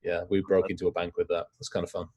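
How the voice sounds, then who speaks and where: A middle-aged man, a guest in a casual interview, talking in quick, rambling stories. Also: low-pitched, completely flat delivery, background noise. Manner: fast, rambling storytelling.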